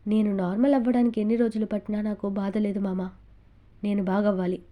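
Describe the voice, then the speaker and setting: Woman doing a bitter, vengeful young man, slightly lowered, warm dark tone. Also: little pitch movement, brisk, close to an everyday voice. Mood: earnest. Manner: stubborn, bitter.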